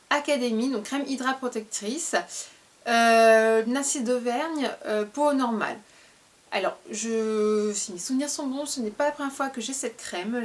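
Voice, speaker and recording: Chatty French woman with a high voice. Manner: chatty, hesitant, many fillers. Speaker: beauty vlogger. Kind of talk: casual unboxing review.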